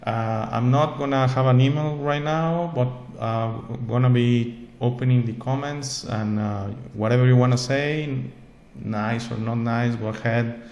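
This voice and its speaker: A non-native English-speaking man hosts his own show, delivering an earnest, rambling spiritual monologue to camera, repeating words and checking in with "okay?". His voice is medium-pitched and steady, a little slow and slightly mellow, with hardly any pauses. The audio has its highs cut off and comes from an echoey room with faint ambient noise.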